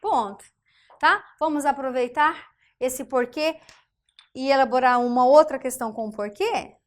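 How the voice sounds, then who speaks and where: Slow, high-voiced Brazilian woman teacher. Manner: deliberate, often checks in with "tá?" and "né?". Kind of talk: grammar lesson.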